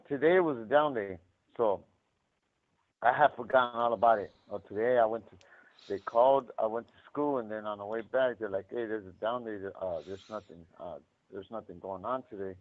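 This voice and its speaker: A man calling from prison on a payphone call, chatting casually with slang, swearing and repeated phrases. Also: mid-range voice. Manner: slangy, profane, repeats himself. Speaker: incarcerated caller. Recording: tinny payphone line.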